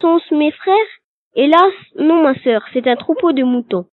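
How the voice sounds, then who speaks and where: A woman's voice: high voice, animated, measured pace, no echo. A woman reading the part of a young sister keeping watch from a tower in a fairy tale, calling out anxiously. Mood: watchful. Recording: dry, tinny phone-like recording.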